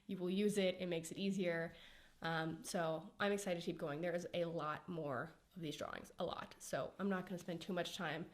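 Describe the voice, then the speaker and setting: Young woman with a cold, stuffy nose, lower register, casual rambling vlog delivery with soft laughs. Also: fairly even intonation, normal speed. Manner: chatty, slightly spacey, laughs softly. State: congested from a cold. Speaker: art student vlogger. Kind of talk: casual progress update vlog.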